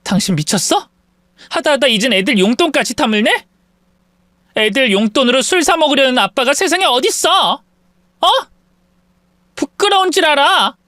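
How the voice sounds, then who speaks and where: A man's voice: very high-pitched, very animated, normal speed, pauses often, fairly bright tone, no echo, studio quality, voice pushed up, exaggerated voice. A man doing a furious fed-up wife. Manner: indignant, scolding. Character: furious, exhausted young mother and wife.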